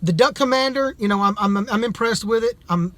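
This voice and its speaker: Guy with a pretty high voice doing a casual product demo, folksy and plain spoken, bit hesitant. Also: fairly quick, noisy background. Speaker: amateur duck hunter reviewing calls.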